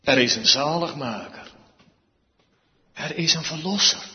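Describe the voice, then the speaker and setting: A man preaching a sermon, slow and emphatic, his voice swinging widely in pitch and loudness. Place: church. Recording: dull sound with long reverb, church hall.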